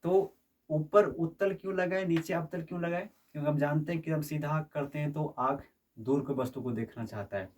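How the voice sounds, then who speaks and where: A man's voice: on the high side, moderate pace, a little mellow. Distant male teacher quizzing his class. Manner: quizzes students with repeated questions and checks understanding. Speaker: physics teacher. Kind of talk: classroom lecture.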